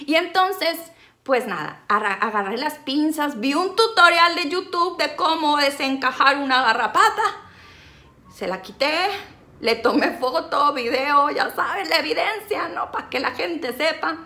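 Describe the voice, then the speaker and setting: A woman's voice: high voice, animated, measured pace, sharp tone. A woman, telling a comic story to camera in a dramatic, self-mocking way. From Sinaloa, Mexico. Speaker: vlogger.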